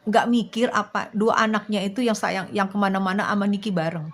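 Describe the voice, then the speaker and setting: A woman's voice: medium pitch, fairly even intonation, a little fast. A woman, livestreaming and talking bluntly and directly to her viewers. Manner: blunt, slangy, speaks straight to her viewers. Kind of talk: live stream chat.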